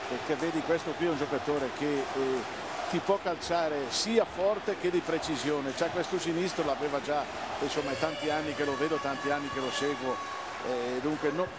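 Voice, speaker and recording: Halting male football pundit over loud noise. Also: on the high side. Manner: conversational, halting, repeating phrases. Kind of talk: live match analysis. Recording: very noisy stadium broadcast.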